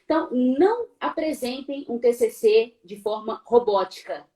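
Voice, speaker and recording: A middle-aged Brazilian woman who speaks with a Brazilian Portuguese accent and teaches law, coaching her audience in a live online talk. She sits a little high in pitch and keeps things animated. She asks herself rhetorical questions and playfully mimics sounds. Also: normal speed. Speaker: law professor.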